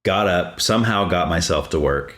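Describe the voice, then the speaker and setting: Deep-voiced guy on a podcast, chatting casually, lively storyteller. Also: moderate pace. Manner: animated storytelling, voice rising when excited. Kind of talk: casual conversation.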